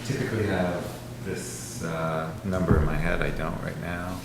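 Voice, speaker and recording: A man with a deep voice chairs a meeting informally. He is heard in an echoey room with clear background noise. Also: fairly even intonation, normal speed.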